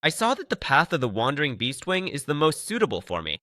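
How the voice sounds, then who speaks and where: A man's voice: on the high side, wildly swooping pitch, fast talker, bright, forceful tone, dry recording, studio quality, pitched above the performer's own voice, exaggerated voice. A man reading a stubborn young disciple. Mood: determined. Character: young male martial arts disciple, stubborn and determined.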